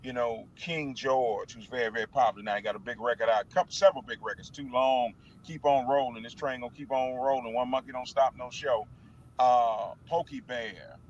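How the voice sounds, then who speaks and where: A man, an animated guest telling stories in casual chat, stammering and restarting, from a parked car. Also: mid-range voice, brisk, a little hiss or hum. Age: 50s. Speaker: musician guest. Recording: dull lo-fi sound.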